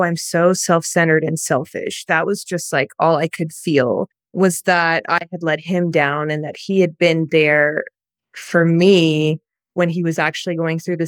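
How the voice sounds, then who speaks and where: An American woman shares her personal story as an interview guest, speaking softly and reflectively with frequent pauses. Her voice is deep, and the recording is clean studio audio with no room sound.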